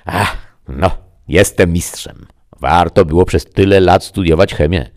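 A man's voice: deep voice, unhurried, darkish tone, pitched above the performer's own voice. A man voicing a tipsy, boastful middle-aged moonshine chemist in a read-aloud story.

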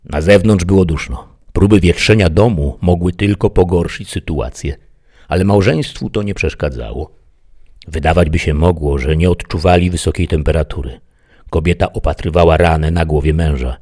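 A man narrating a dramatic audiobook story with an expressive, tense delivery. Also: sits low, normal speed.

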